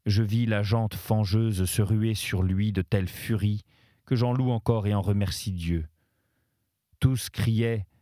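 A man narrates a classic poem in a measured, solemn reading. His voice is low and mellow, recorded close and dry in a studio. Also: dry recording. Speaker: reader. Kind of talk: audiobook-style literary reading.

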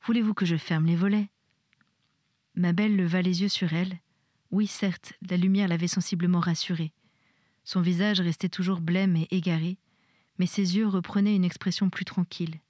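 A woman reads a storybook aloud in a measured, expressive way, her voice sitting fairly low. The recording is dry and close, with no echo. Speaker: audiobook reader. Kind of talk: storybook narration.

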